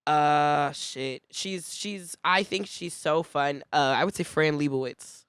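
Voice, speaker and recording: A man's voice: on the high side, slow pace, fairly bright tone, smooth, no room sound. A man as a podcast guest, talking in a playful, slangy, laughing way. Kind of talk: casual chat.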